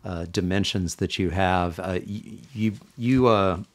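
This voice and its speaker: A man hosting an interview, soft-spoken, with short affirmations and halting restarts. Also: deep voice. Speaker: podcast host. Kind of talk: casual interview chat.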